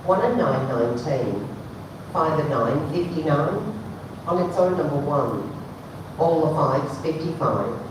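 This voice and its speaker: A woman working as a bingo caller, reading out numbers digit by digit in a measured sing-song formula that drops at the end of each call. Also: low-pitched, expressive. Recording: very echoey, distant, noisy hall PA.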